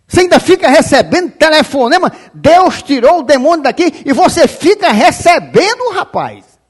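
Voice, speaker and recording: High-voiced, shouting man preaching. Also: sing-song, normal speed. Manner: shouting, scolding, repeating "rapaz"; quotes scripture aloud. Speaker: pastor. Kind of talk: fiery sermon.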